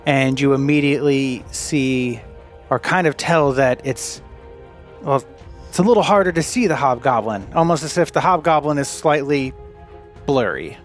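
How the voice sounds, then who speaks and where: A man running a tabletop game as game master, narrating quickly and playfully with frequent laughs. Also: medium pitch, soft background music.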